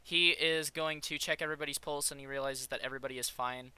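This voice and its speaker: A man's voice: a little high, steady tone, quick pace, bright, forceful tone, clear, resonant tone, no room sound. A man running a tabletop game, narrating in a rambling way with frequent fillers and restarts. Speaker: game master.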